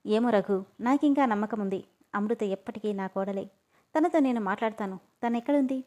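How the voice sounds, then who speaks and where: A woman voicing a stubborn middle-aged man who insists on a marriage, speaking forcefully. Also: medium pitch, moderate pace, highs cut off, lightly acted.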